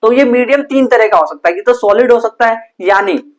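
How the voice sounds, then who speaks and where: A man's voice: very high-pitched, fairly quick. A man teaching science in a casual, playful way, acting out sound effects and small scenes. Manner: playful, uses sound effects and mini role-plays. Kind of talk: casual classroom explanation.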